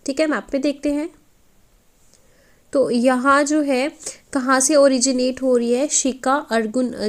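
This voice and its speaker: A woman teaching an exam-prep geography lecture over a map, asking her students questions and answering them herself, with frequent check-ins. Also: high voice.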